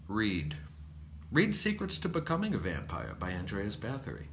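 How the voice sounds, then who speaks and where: Low-voiced man in slow, reflective monologue. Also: creaky, slight background noise. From New England, United States. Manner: slow, deliberate and reflective, with swings from lively to hushed. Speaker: vlogger. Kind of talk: spiritual monologue to viewers.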